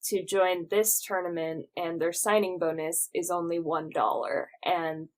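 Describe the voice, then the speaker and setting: A woman's voice: on the low side, steady tone. A woman co-hosting a podcast, walking through a film's plot step by step. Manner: unhurried, narrates plot step by step. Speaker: podcast co-host. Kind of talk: casual chat.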